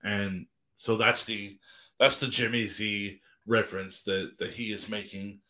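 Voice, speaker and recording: A man's voice: lowish voice, fairly even intonation, a little slow, pushed and bright. A man co-hosting a podcast, chatting casually with a rambling, self-deprecating manner and lots of restarts. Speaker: podcast co-host.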